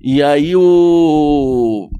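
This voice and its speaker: A man's voice: fairly high pitch, extremely slow, dark tone, clear, resonant tone. A Brazilian man, a comedian, chatting casually and telling anecdotes, calling himself shy and acting out the people he quotes. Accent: Brazilian Portuguese. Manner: shy, self-deprecating storyteller who acts out quoted voices. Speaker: comedian guest. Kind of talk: casual podcast chat.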